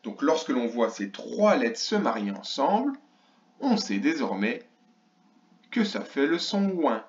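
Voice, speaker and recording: Male primary teacher, slow and sing-song, over-articulated sounds, roomy and slightly muffled recording. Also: medium pitch, very animated. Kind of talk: reading lesson for young children.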